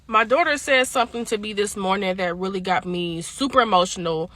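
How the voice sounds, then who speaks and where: Bright-voiced woman, earnest and emotional. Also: medium pitch, brisk, no room sound. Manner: earnest and emotional, holding back tears. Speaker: mother telling a personal story. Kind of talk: casual storytelling to camera.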